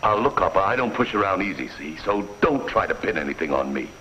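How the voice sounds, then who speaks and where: An actor playing a surly, hot-tempered gangster with a sneering, slangy manner in a vintage radio drama. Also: male voice, deep voice, big pitch swings, quick pace, bright, forceful tone, slight background noise, heavily acted. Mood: menacing. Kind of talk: 1950s radio drama acting. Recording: dull lo-fi vintage radio recording.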